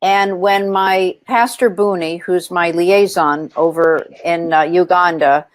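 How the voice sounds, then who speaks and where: An earnest woman talks as a guest on an interview show, sharing her story with plenty of ums and restarts. Her voice sits low and grounded throughout. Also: steady tone, slow pace, no room sound. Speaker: nonprofit founder, interview guest. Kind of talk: interview conversation.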